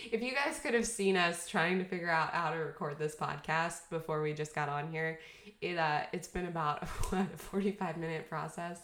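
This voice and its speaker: A woman's voice: deep voice, normal speed, fairly bright tone. A woman co-hosting a podcast in a casual, chatty way, laughing often between her phrases. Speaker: podcast co-host and brand founder. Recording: echoey room.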